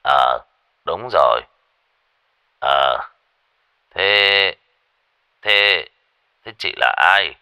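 A very deep, gravelly old master of exorcism, as a storyteller puts him on, curt and gruff. He drags his words out slowly over a bright, clear tone, recorded dry and close. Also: expressive, no room sound, heavily acted. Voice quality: gravelly, halting.

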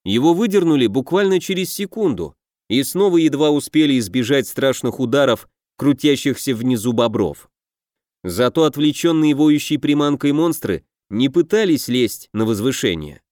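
Guy reading a fantasy audiobook, steady and measured, mid pitch, dry close sound. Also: no echo. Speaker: audiobook narrator. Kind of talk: scripted fantasy narration.

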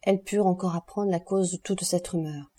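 Husky dark-toned woman reading aloud. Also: fairly low pitch. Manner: measured, steady reading. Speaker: audiobook narrator. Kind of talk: audiobook narration.

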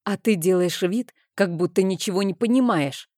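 Brazen male dragon lover for an audiobook, low and slow, read by a woman, mellow tone, dry close sound. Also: dry recording, natural voice. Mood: angry.

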